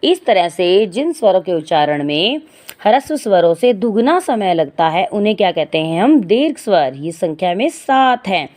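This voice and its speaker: A woman's voice: medium pitch, very animated, normal speed, darkish tone. Woman teaching grammar, explaining patiently. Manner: explanatory, asks and answers her own questions; stretches vowel sounds when demonstrating. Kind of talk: Hindi grammar lesson.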